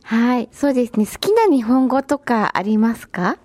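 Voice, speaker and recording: A woman's voice: on the high side, very animated, moderate pace, darkish tone, dry recording. A woman hosting a radio interview show, formal, courteous and encouraging as she asks her guest questions. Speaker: radio host.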